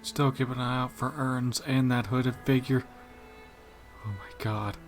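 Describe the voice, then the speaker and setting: A man's voice: medium pitch, fairly even intonation, unhurried, soft background music. A man with a Southern US accent giving casual let's-play commentary, jumpy and nervous and swearing a lot. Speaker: gameplay commentator.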